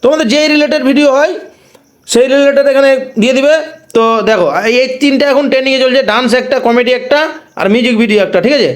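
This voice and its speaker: A man's voice: very high voice, fast talker. A man walking viewers through a phone app tutorial step by step, repeating each instruction and checking in with tag questions. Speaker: tutorial host. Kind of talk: screen-recording tutorial.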